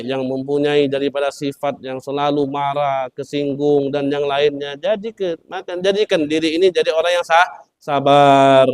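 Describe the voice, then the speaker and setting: A man's voice: smooth, no echo. Man preaching in a mosque, dry sound. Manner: storytelling, repeats phrases and restarts words; acts out quoted speech with rising pitch. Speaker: religious teacher. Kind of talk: weekly mosque study sermon.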